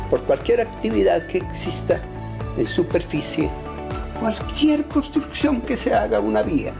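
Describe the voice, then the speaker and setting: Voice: mid-range voice, gravelly. An expert explaining technical matters in a teacherly way, posing questions and checking understanding. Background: music.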